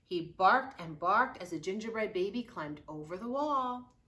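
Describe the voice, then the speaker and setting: Female children's story reader: bright, mid-pitched, expressive and dramatic, like a library read-aloud. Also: unhurried, slight background noise. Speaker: youth services librarian reading aloud.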